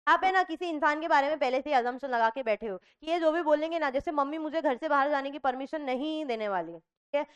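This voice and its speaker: An Indian woman giving a classroom revision lecture in a lively way, questioning her students, mixing Hindi and English. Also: sits high, brisk. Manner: lively, asks the class questions and answers them herself. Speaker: commerce lecturer.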